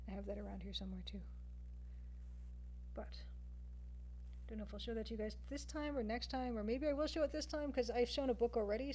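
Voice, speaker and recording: On a rough recording, a Canadian game artist chats casually with her stream viewers, thinking out loud as she draws. Her voice is on the high side and mellow.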